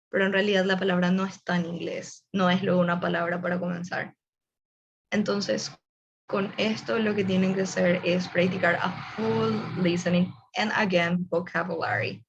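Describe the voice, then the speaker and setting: A woman's voice: mid-range voice, muffled recording, a little hiss or hum. A young woman gives a casual online webinar presentation, explaining tips and speaking directly to her audience. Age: young adult.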